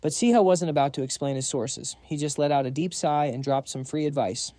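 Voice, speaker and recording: A man's voice: a little high, fairly quick, dark tone, no echo. A man narrating a scripted story recap in a slangy, hyped storytelling manner.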